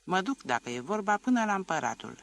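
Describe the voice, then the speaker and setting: A man's voice: sits high, very animated, gravelly, fairly bright tone, voice pushed up, exaggerated voice. A man voicing a stubborn peasant man and former soldier, talking bluntly and insistently in an audiobook.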